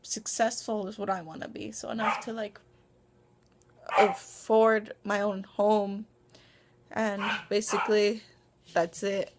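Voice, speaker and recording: A woman's voice: mid-range voice, level tone, takes it slowly, long pauses, very noisy. A young woman vlogging to camera in a casual, rambling way, with many ums, restarts and self-conscious asides. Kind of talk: casual vlog monologue. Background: dog barking.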